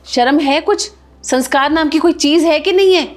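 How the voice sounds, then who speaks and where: A woman's voice: high voice, normal speed, lightly acted. A woman playing a domineering mother-in-law who scolds and commands her family in a short film. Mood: scolding. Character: harsh domineering mother-in-law, grandmother figure. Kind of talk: Hindi short film acting.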